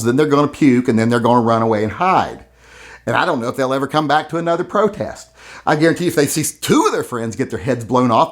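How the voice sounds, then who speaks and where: A man commenting on a video in a blunt, profane and mocking way. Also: mid-range voice. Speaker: gun channel host.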